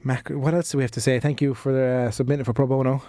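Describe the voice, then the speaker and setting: Joking man co-host, mid-pitched voice, dry close-up sound. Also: steady tone, fast talker, warm tone, dry recording. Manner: playful, joking, laughing. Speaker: podcast co-host. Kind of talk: casual podcast chat.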